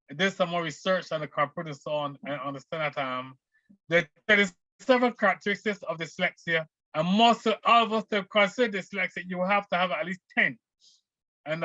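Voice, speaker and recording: A middle-aged man from Barbados answering interview questions in a hesitant, halting way with many restarts. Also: high-pitched, sharp tone, no room sound. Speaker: guest. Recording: dull lo-fi sound.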